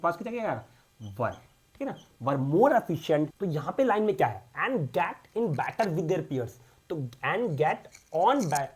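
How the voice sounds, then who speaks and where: A woman teaching an English grammar lesson, reading sentences slowly and then explaining them briskly with repeated checks. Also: sits low, a little mellow, husky.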